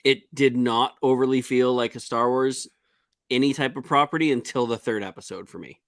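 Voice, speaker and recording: A male co-host in a casual live review chat. He shares his opinions plainly and at a relaxed pace. His voice sounds dry and close, with no room echo. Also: mid-range voice, moderate pace.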